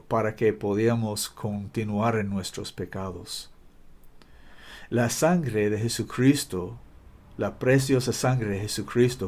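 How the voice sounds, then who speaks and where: Low-voiced man preaching in Spanish. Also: a little mellow. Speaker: preacher, minister. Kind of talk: sermon with scripture reading.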